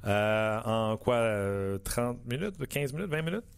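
A man with a Quebec French accent hosting a sports show, chatty and upbeat with drawn-out fillers. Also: mid-range voice, expressive, creaky, smooth. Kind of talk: interviewing and chatting.

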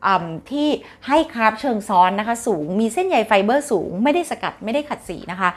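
A woman's voice: a little high, lively intonation, brisk. A woman hosting a casual health talk, chatting to viewers in a friendly explanatory way and referring to herself by her nickname.

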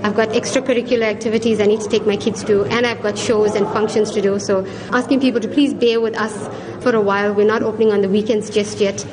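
A woman's voice: medium pitch, little pitch movement, fast. A middle-aged South African woman, a restaurateur and singer, chatting freely in an interview. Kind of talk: interview answers. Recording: noisy crowd behind.

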